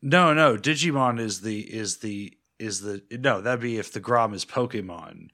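A man co-hosting a motorcycle podcast, talking in a dry, wry way as he builds repetitive jokes. He speaks very slowly in a lowish voice. His tone has a bright, tense edge. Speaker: podcast co-host. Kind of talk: casual chat.

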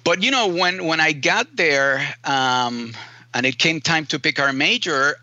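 A man speaks in a casual, rambling interview style, leaning on "you know" and "man" as he tells his story. His voice is bright and forceful. The recording is dry and a little dull, lacking sparkle. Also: fairly high pitch, measured pace, no room sound. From Puerto Rico. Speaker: film editor, guest.

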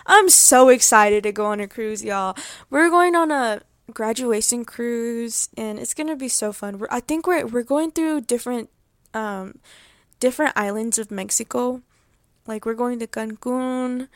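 This is a teenage girl speaking on her own podcast, rambling through a heartfelt update with plenty of fillers and restarts. Her voice sits a little high and she laughs easily. The recording is dry and close, with no room sound. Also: measured pace, dry recording. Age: late teens. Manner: excitable, laughs often. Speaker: podcast host. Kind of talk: casual personal update.

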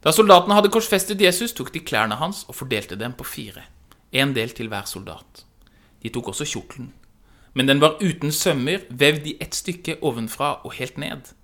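Bright-voiced man reading scripture aloud. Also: medium pitch. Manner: measured, expressive narration. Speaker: scripture reader.

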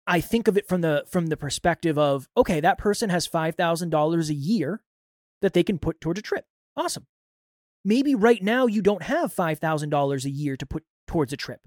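A man's voice: fairly high pitch, expressive, fairly quick, darkish tone, no echo, clean studio sound. A man hosting a motivational self-improvement podcast, explaining things earnestly in the manner of a life coach. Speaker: podcast host.

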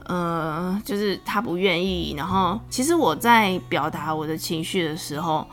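A woman in her thirties with a Taiwanese Mandarin accent, telling a story about her child in a casual, animated way, often laughing. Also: on the low side, unhurried. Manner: chatty, animated, laughs often, voice rises when exasperated. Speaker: podcast host, mother.

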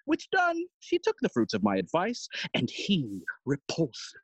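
Heavily acted and recorded dry, this Shakespearean audio play performance features an actor as a fussy, self-important old male counsellor who rambles theatrically and keeps cutting himself off. His mid-range voice has huge pitch swings, a breathy edge, and a slightly slow pace.

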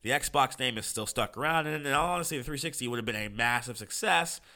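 A man's voice: medium pitch, fast talker, bright, forceful tone. A young-adult American man hosting a solo gaming podcast, casual, profane and opinionated, with a froggy, congested voice from being sick. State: sick with a cold. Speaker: podcast host. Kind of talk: casual solo podcast commentary on video games.

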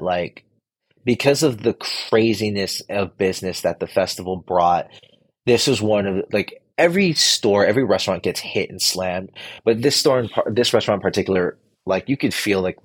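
A man's voice: low-pitched, husky, dry recording. A young man from the Bay Area telling a casual, rambling story with lots of fillers and restarts.

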